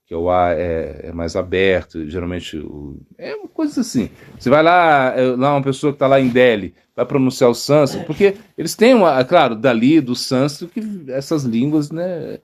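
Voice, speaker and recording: Halting Brazilian monk, lively pitch. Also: male voice. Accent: Brazilian Portuguese. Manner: halting, many fillers and tag questions. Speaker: monk teaching a devotional lecture. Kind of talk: informal devotional talk.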